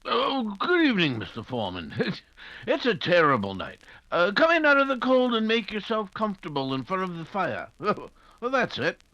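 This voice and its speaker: An actor playing a genial elderly doctor in 1940s radio style, hesitant and avuncular, on a dull recording. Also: male voice, sits high, huge pitch swings, normal speed, heavily acted. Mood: genial, welcoming. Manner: chuckling, avuncular, hesitant old-gentleman delivery.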